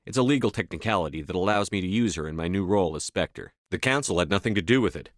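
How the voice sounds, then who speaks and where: Video game military commander: low male voice, steadfast, clipped and formal, dry close sound. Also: animated, fast talker, no room sound. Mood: composed, guarded. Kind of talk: video game dialogue lines.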